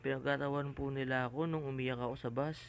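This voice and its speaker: A man's voice: mid-range voice, fairly even intonation, fast, creaky, a little hiss or hum, lightly acted, low-quality recording. A man voicing a shy, tearful young boy who speaks politely and hesitantly in an audio drama. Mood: sad, hesitant. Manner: polite, hesitant, softly upset.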